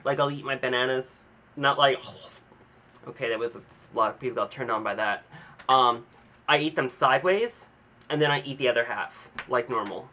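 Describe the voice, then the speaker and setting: A man's voice: medium pitch, moderate pace, a little hiss or hum. A young man casually telling a rambling, self-mocking story to a camera in his home vlog. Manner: chatty, animated, self-mocking. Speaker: vlogger.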